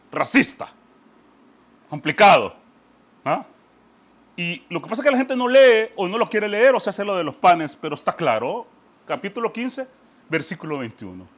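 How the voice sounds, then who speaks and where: Guy, high voice jumping all over, keeps asking "¿ah?". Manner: lively, emphatic, asks "¿ah?" often. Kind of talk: animated commentary on scripture.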